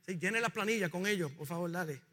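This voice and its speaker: A man preaching a sermon as pastor, animated and drawing responses from the congregation. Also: sits high, quick pace, big-room sound. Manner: animated preaching, calls on the congregation to repeat lines.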